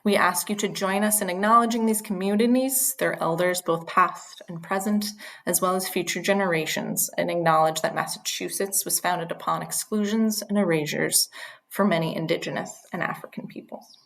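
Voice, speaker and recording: Soft-spoken woman hosting a webinar. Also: lowish voice, fairly even intonation, moderate pace, vocal fry, low-quality recording. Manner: earnest, frequent ums. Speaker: clinical social worker, training host. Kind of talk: webinar presentation.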